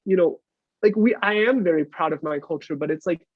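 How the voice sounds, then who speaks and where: A man's voice: fairly high pitch, a little fast, no echo. A man born in the United States, eagerly jumping into a casual podcast chat with his own comments. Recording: slightly dull lo-fi sound.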